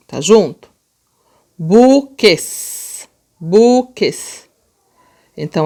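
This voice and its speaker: A woman teacher with a Brazilian Portuguese accent, explaining a lesson to young children and slowly sounding out words. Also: fairly low pitch. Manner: slow, drawn-out sounding out of words; gentle, patient explaining to children. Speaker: primary school teacher. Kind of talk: remote class lesson.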